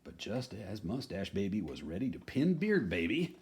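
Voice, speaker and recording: Reading from a children's picture book at normal speed, this man has a fairly low voice with big pitch swings. He goes folksy and playfully dramatic, tosses in chatty asides, and now and then lowers his voice to a hush.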